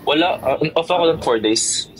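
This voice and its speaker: A man's voice: on the high side, animated, moderate pace, a crowd in the background, low-quality recording. A man chatting casually on a livestream, defensive and insisting again and again that he is not angry.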